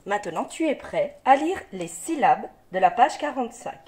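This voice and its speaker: A woman's voice: a little high, sing-song, moderate pace, darkish tone. A woman teacher guiding young children through a reading lesson, encouraging them and sounding out syllables patiently. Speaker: primary school teacher.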